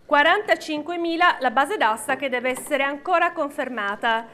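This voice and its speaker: Female auctioneer, middle-aged, very high voice, repetitive bid-calling and countdowns at a live auction. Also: lively intonation, normal speed, pushed and bright. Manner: auctioneer's chant, repeating bids and counting down. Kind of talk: live auctioneering of classic cars. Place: large auction hall with seated audience.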